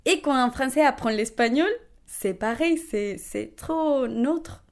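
Young Colombian woman, lively and laughing. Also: high voice, takes it slowly. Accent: Colombian Spanish. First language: Spanish. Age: 20s. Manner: animated, laughs often, frequent fillers and restarts. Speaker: interviewee. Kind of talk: conversational testimony.

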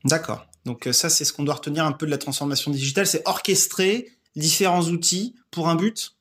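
A man with a fairly high-pitched voice who hosts a podcast. He asks his questions in a hesitant way. He uses lots of fillers and keeps rephrasing as he goes. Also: steady tone, brisk, a bit bright. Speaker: podcast host. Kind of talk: casual podcast interview.

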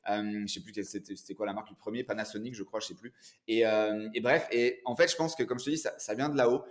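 Guest, male, 40s, animated storyteller, casual interview tone. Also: on the low side, fast talker. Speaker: guest entrepreneur and coach.

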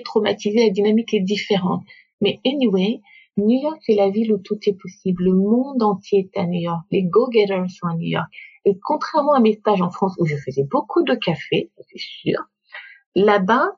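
A woman from Gabon, a coach and guest, tells her story in a casual interview, animated and slipping into quoted voices and English phrases. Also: medium pitch, husky. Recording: dull lo-fi remote recording.

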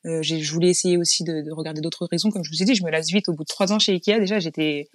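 Speaking very fast in a deep, steady voice, a French woman shares her story as a guest in a relaxed interview. She runs her own business and talks frankly and conversationally, with frequent restarts, and there's no room sound on the recording.

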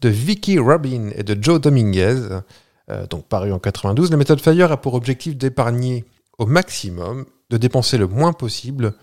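A man's voice: mid-range voice, animated, darkish tone. Chatty man explaining with fillers. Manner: chatty, jokey, halting with fillers. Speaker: podcast co-host. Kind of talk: casual chat.

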